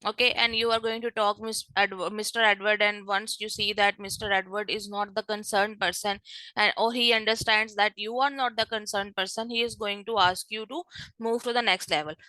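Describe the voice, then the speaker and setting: A woman's voice: medium pitch, fairly even intonation, drawn-out words, bright, forceful tone, no echo, poor audio. A woman teaching an online course in a direct, encouraging way. She switches freely between Hindi-Urdu and English and acts out sample phone calls to explain. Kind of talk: recorded lecture mixing Hindi-Urdu and English.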